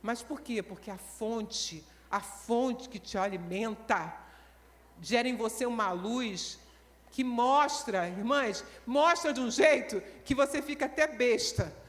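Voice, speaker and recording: A middle-aged woman pastor with a Carioca accent preaching a lively sermon, acting out little scenes for the congregation. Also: on the high side, slow pace. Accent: Carioca Brazilian Portuguese. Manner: animated, acts out scenes with the congregation. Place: large church hall. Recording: long church-hall reverb.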